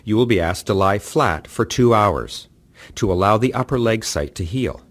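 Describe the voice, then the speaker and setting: Calm low-voiced male narrator. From Canada. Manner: calm, measured instructional delivery. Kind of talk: scripted narration.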